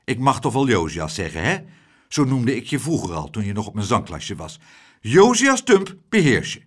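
A man voicing a fussy, strict old spinster schoolteacher in an audiobook, with a high, scolding tone. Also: very animated, fairly quick. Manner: shrill scolding tone.

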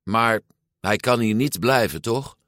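A man's voice: mid-range voice, unhurried, fairly bright tone, dry recording, clean studio sound, pitched above the performer's own voice, lightly acted. Een man die een bezorgde, beschermende moeder voorleest in een verhalenboek. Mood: concerned. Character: caring mother, worried and protective.

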